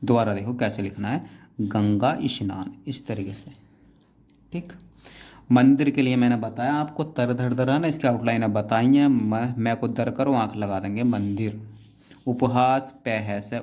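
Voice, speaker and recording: A man's voice: mid-range voice, fairly even intonation, a little slow, warm tone. Man teaching shorthand, muffled recording. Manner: explains step by step, often adds "isn't it" tag questions. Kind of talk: classroom explanation while writing.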